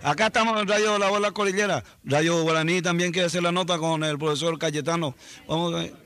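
A man's voice: on the high side, steady tone, fast talker, a bit bright. Man hurrying through a mock radio report. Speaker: radio reporter in a comedy sketch.

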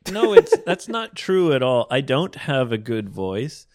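A man's voice: medium pitch, big pitch swings, darkish tone, no room sound, studio quality. A man co-hosting a casual podcast, joking and teasing his partner. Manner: teasing, joking, slow and drawn out. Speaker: podcast co-host, English speaker. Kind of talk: casual bilingual chat.

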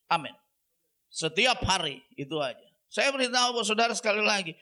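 Pastor guy preaching, keeps repeating himself, bright sharp voice. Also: sits high, expressive, fairly quick. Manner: repeats catchphrases, emphatic preaching. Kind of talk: sermon.

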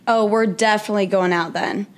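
A woman's voice: mid-range voice, steady tone, a little fast, lightly acted. A young woman playing a bold, teasing teenage city girl in a naturalistic drama. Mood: excited.

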